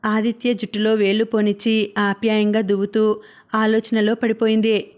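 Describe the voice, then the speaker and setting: Woman narrating an audiobook in a steady, even voice. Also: medium pitch, normal speed.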